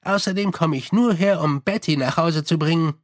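A man putting on a scruffy little corporal for an audiobook, chattering on with cheerful, unbothered eagerness. The voice sits fairly high and bounces upward when he gets keen. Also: normal speed, no echo, studio quality, natural voice. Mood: chatty. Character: scruffy small male corporal, chatty and cheeky.

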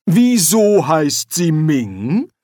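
Narrator doing a bossy blustering head wizard, loud, slow and punchy. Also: medium pitch, big pitch swings, no echo, clean studio sound, voice pushed up, heavily acted. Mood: demanding. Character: blustering, commanding male archchancellor wizard.

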